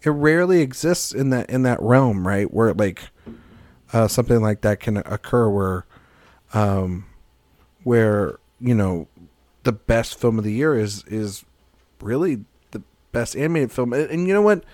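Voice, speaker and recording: A man's voice: medium pitch, expressive, measured pace, darkish tone, no room sound. Man, podcast co-host, emphatic, swears a lot, dry close sound. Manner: emphatic and profane, enthusiastic outbursts. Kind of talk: casual film discussion.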